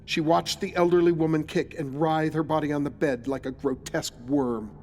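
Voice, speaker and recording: A man with a higher-pitched voice narrates a scripted horror audio drama in a steady tone and at a moderate pace. He keeps it dramatic and suspenseful, with quiet music underneath.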